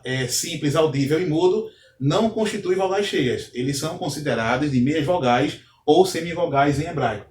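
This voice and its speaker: A man's voice: fairly high pitch, slight background noise. A man teaching a grammar lesson, explaining step by step and checking in with "ok?" as he goes. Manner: methodical, repeats points, checks in with "ok?". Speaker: Hebrew teacher. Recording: echoey room, distant from mic.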